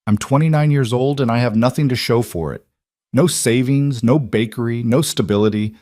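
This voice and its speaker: A man's voice: medium pitch, normal speed, darkish tone, no room sound, clean studio sound, close to an everyday voice. A man voicing an exhausted, struggling young woman of twenty-nine, weary and strained. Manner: weary, strained, pleading for realism.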